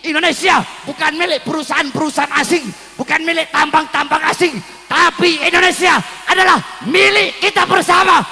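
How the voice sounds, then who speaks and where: A man's voice: very high-pitched, steady tone, fairly quick, creaky, few pauses, sharp tone, raised voice. A man giving a rousing political rally speech, calling out for responses from the crowd. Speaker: speaker at a rally. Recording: long hall reverb.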